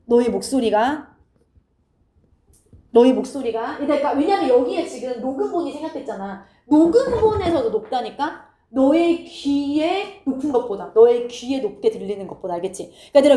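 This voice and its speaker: High-voiced woman teaching, echoey room. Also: dark tone. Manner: checks in often with rhetorical tag questions; reads English lines slowly, then explains quickly. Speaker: high school English teacher. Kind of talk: classroom lecture. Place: classroom.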